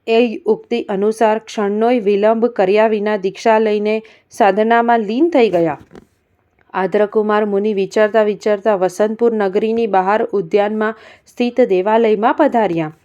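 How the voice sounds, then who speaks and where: A woman with a mellow, warm voice narrates a religious story in a calm, steady manner. The recording sounds slightly dull and muffled. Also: medium pitch, moderate pace. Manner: calm, even storytelling read aloud.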